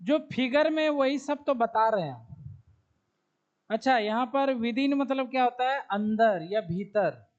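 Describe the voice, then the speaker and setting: Here a biology teacher with a Bihari Hindi accent speaks slowly, animatedly, and at a very high pitch. Asking and answering his own questions, he echoes important terms as they go on the board; the classroom audio is dull and lo-fi.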